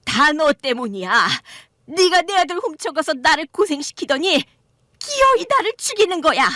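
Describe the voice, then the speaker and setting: A woman doing a shrill, spiteful old mother-in-law. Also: sing-song, normal speed, a bit bright, dry recording, studio quality. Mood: screaming. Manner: screeching, hostile scolding.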